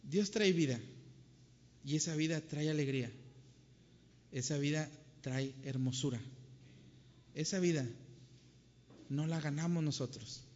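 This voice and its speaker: Male preacher, earnest storyteller, fairly high voice, dull sound with a long hall reverb. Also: measured pace, long pauses, darkish tone. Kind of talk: sermon.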